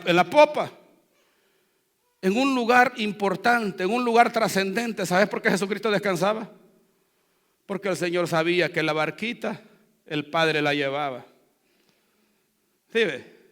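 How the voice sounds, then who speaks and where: High, bright-voiced preaching pastor. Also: male voice. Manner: exhorting, call-and-response with the congregation; swings from low, quiet asides to loud, fervent preaching. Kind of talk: Spanish-language church sermon. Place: church sanctuary. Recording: long reverb of a church hall.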